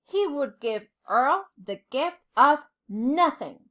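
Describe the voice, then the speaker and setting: Sitting high in pitch with a sing-song lilt, a woman reads a children's storybook aloud like a teacher. She's expressive and deliberate, using dramatic pauses.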